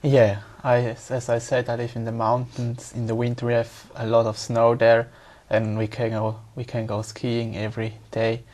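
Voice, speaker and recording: A man's voice: medium pitch, completely flat delivery, normal speed, hardly any pauses, a little mellow. A young man from Switzerland, an exam candidate speaking hesitantly and repeating words as he searches for English.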